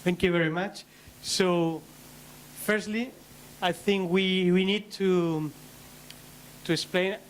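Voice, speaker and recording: Halting man leading a workshop. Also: high-pitched, fairly even intonation. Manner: halting, repeats words while explaining. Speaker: session leader. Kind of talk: workshop presentation. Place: conference room.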